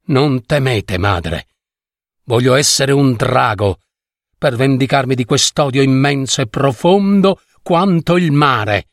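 A man's voice: mid-range voice, animated, slow pace, no echo, studio quality. A man voicing a solemn young dragon-son. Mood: vengeful. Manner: solemn, resolute declarations.

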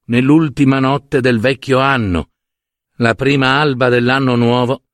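A man narrating a fairy tale in an expressive, dramatic storytelling manner. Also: mid-range voice, no echo, studio quality.

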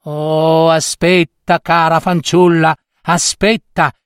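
A man's voice: fairly high pitch, level tone, slow, smooth, no echo, studio quality, voice pushed up. A man voicing a tiny magical woman, kindly but stern, calling out breathlessly. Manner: breathless, pleading calls.

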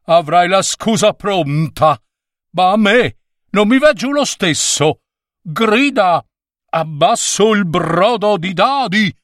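An offended, high-voiced number nine. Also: male voice, expressive, takes it slowly, a bit bright, no room sound, clean studio sound, exaggerated voice. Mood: indignant. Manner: protesting, scolding, offended. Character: indignant touchy number nine, male.

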